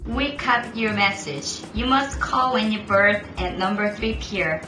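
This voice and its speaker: Taking the part of port control on a marine radio call, a woman speaks in an unhurried, sharp tone at medium pitch. Her delivery follows clipped, formal radio procedure in this scripted maritime role-play. Music plays beneath her in an echoey room.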